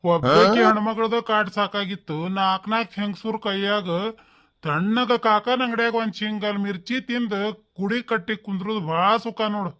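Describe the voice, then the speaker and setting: A performer voices a lazy, boozy old father-in-law in a village cartoon comedy, with a North Karnataka Kannada accent. He grumbles and complains about the women of the house in a middle-pitched voice. He keeps asking for his breakfast. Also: normal speed, a bit bright, natural voice. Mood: grumbling.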